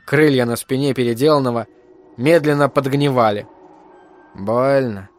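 A man narrating an audiobook in a steady, even storytelling manner. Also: mid-range voice, moderate pace, no echo, faint music behind. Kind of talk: scripted narration.

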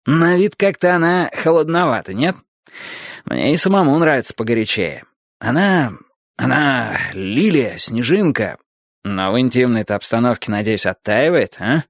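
A man voicing a brash, mocking young man in an audiobook, loud and theatrical. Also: medium pitch, expressive, moderate pace, dry recording, clean studio sound, natural voice. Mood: sly. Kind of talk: audiobook character voice.

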